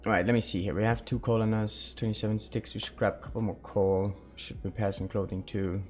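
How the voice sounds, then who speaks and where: A man's voice: lowish voice, level tone, fairly quick, soft background music. A man live-streaming a survival game, thinking aloud and chatting casually with his viewers.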